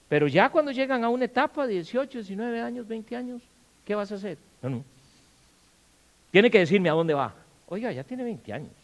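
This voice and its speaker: Man, animated sermon, fairly high voice, very lively pitch, questions the congregation. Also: poor audio. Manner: animated, asks the congregation questions, acts out quarrels in loud bursts. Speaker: pastor. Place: church. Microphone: handheld or stand mic.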